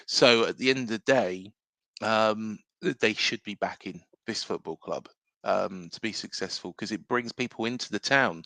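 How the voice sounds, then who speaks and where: A man's voice: on the low side, sharp tone, dry recording. An English man hosting a casual football fan livestream, rambling with lots of fillers and reading out viewer comments. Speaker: football podcast host.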